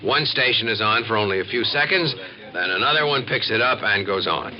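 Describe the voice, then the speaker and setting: On a dull vintage radio recording with music, an American man takes the role of a sincere, self-assured civil defense expert explaining and narrating a 1950s documentary. His fairly low voice is expressive and close to natural, moving at a fairly quick clip in a folksy, emphatic, explanatory way.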